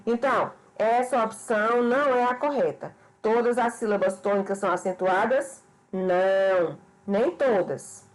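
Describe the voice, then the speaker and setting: Over poor audio, a Brazilian woman teacher with a medium-pitched voice gives a remote grammar lesson. She explains slowly and patiently, speaking directly to her students and calling them "pessoal."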